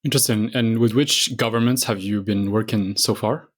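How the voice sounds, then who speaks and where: A man's voice: on the low side, steady tone, moderate pace, slightly rough. A man hosting a podcast, reading a polished scripted introduction and then asking his guest questions. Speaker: podcast host.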